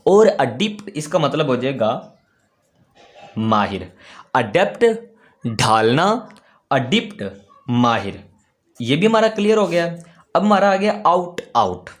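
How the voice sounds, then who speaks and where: A man teaching a class, patiently asking his own questions and repeating each key word slowly. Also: on the high side, very animated. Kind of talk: classroom lesson.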